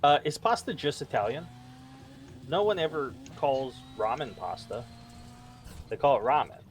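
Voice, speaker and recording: A man's voice: medium pitch, big pitch swings, normal speed, slight background noise. Rambling man reading his notes. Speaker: podcast co-host. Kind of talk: casual chat.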